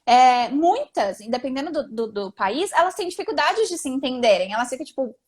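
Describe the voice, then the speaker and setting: A woman hosting an interview, talking in a lively, casual way with slang. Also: high-pitched, a little fast. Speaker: host.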